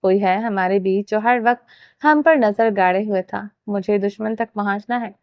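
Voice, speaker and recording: A woman's voice: medium pitch, no room sound, dull audio, close to an everyday voice. A woman voicing a devoted, protective husband in her own earnest reading voice. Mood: tender, resolute.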